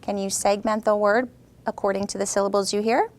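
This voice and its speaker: Woman teacher, patient and clear, middle pitch. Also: steady tone, a little fast. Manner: clear, patient teacher talk, bright praise to a child. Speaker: teacher and channel host. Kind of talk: scripted teaching intro and one-on-one demonstration.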